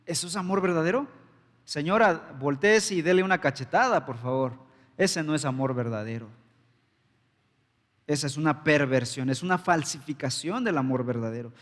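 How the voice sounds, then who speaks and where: A male pastor delivers an emphatic sermon, firing rhetorical questions at his congregation. His voice sits a little high for a man. The sound carries a long church-hall reverb. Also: fairly bright tone. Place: church sanctuary.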